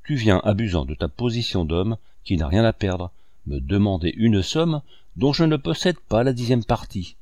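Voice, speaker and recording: A man's voice: on the low side, animated, normal speed, a little mellow, no echo, natural voice. A man voicing a frightened, guilty rich man who pleads and defends himself. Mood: defensive.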